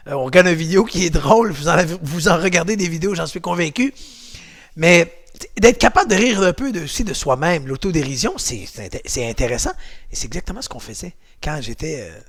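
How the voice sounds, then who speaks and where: A man's voice: a little high, fairly bright tone. A man with a Québécois accent, leading a home exercise and martial arts class in a chatty, encouraging, playful way. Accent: Québécois French.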